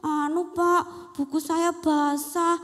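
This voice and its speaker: A woman voicing a worried, tearful young schoolgirl in a high, childlike, pleading voice. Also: flat delivery, slow pace, a bit bright, in a large hall, faint music behind, heavily acted. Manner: pleading, anxious.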